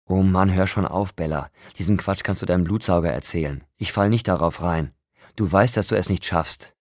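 Male reader as anguished young man, urgent pleading, slightly raised, a little husky. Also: low-pitched, expressive, moderate pace, a little mellow, no room sound, clean studio sound. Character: young man, upset and pleading, desperate friend.

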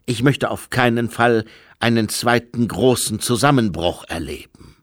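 A man reading aloud and voicing a shrewd, calm old monk in a low, quiet, measured voice. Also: no echo, clean studio sound, natural voice. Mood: urgent.

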